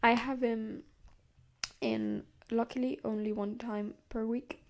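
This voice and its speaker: A woman's voice: on the high side, steady tone, takes it slowly, a little mellow. A young woman hosting a podcast, delivering a heated, profane, rambling rant and dropping into hissed whispers on the insults. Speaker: podcast host. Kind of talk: casual monologue rant.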